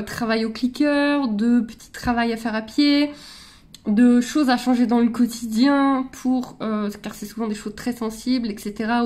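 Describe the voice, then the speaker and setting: A woman's voice: fairly high pitch, a little mellow. A woman talking in a casual, rambling vlog style, often interrupting herself and laughing at her own tangents. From France. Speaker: vlogger on animal care.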